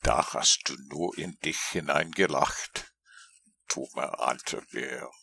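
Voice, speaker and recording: Deep gravelly man reading a storybook. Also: takes it slowly, sharp tone. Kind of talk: storybook read-aloud.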